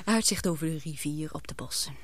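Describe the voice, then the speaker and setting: In a radio drama, a woman plays an emotional young English daughter and fiancée, earnest and expressive. Her voice is breathy and low-pitched, her pace a little fast, and her mood tender and wistful.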